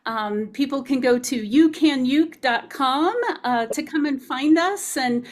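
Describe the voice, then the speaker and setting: A woman's voice: high voice, a little slow. A woman hosting a casual interview, upbeat and enthusiastic as she promotes a retreat over a video call.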